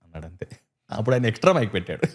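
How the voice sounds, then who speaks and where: A man guest on a casual podcast chat, telling lively stories and acting out the lines he quotes. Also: lowish voice, rapid-fire, slightly rough. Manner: animated storyteller who acts out quoted lines. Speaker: guest actor.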